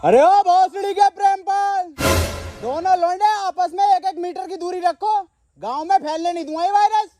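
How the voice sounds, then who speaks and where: A man playing a loud, bossy village uncle in a comic sketch. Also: very high-pitched, big pitch swings, a little fast, few pauses, heavily acted. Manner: shouty, bossy. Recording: background music.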